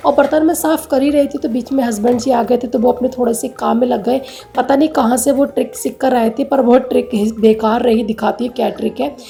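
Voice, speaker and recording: A woman's voice: on the high side, fairly even intonation, a little fast, vocal fry, few pauses, dark tone, roomy sound. A woman chatting casually through a home vlog with a rambling, homely way of giving advice. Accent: Hindi, north Indian. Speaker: vlogger. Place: home kitchen.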